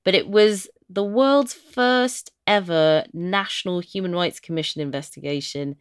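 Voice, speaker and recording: A woman's voice: fairly low pitch, measured pace, clear, resonant tone. A woman co-hosting a podcast and working as its producer, emphatic and enthusiastic when she presents segments. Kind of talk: podcast chat and scripted segments.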